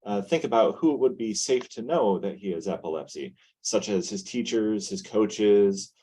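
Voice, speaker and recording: A man with a low, mellow voice answers a caregiver's question on a webinar panel. He gives his advice in a calm, measured way. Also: slightly rough, rough recording. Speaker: clinician panelist.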